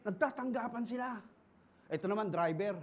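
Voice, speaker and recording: Animated high-voiced Filipino pastor preaching. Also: male voice, moderate pace. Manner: animated preaching, acts out dialogue, laughs often. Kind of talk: energetic sermon with storytelling.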